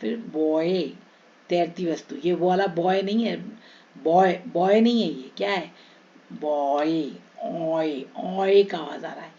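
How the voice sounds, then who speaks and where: Slow, low-voiced Indian woman teacher. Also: vocal fry, dark tone. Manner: repeats each word slowly, addresses students as children. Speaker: English teacher. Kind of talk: pronunciation lesson. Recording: muffled lo-fi recording.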